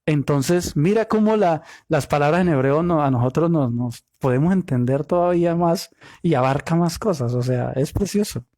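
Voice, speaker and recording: A man's voice: on the high side, normal speed, mellow, no room sound, studio quality. A man teaching a Bible study, reading scripture aloud and explaining the Hebrew meaning of words, often asking rhetorical questions.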